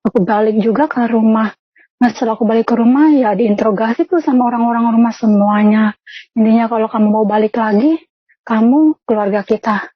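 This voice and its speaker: Young woman telling her story, kinda husky, quotes people a lot, dull dry recording. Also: a little high, brisk, no room sound. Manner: earnest, quotes herself and others in dialogue. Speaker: testimony guest. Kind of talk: personal testimony, casual storytelling.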